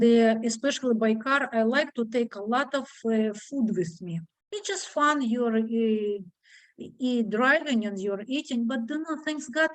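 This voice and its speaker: A woman with a foreign accent leading an online discussion group, speaking haltingly with many fillers and restarts over a video call. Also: on the high side, dry recording, low-quality recording.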